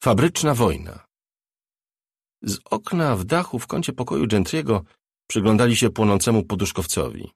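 A man narrating an audiobook in a measured, steady reading. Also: on the low side, gravelly, husky, no echo, studio quality.

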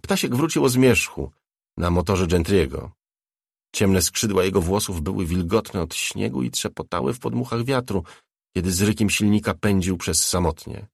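A man narrating a novel as an audiobook, measured and even. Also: low voice, creaky, slightly rough, no room sound, clean studio sound.

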